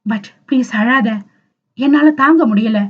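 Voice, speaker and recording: A woman's voice: fairly high pitch, slow, highs cut off. A woman reading the lines of a young man in love who pleads earnestly and tearfully. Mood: pleading.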